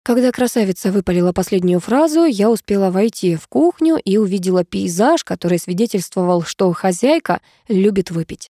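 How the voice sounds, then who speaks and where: Female audiobook narrator, mellow tone, close dry read, even pacing. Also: mid-range voice, a little fast, few pauses, no echo. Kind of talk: scripted narration.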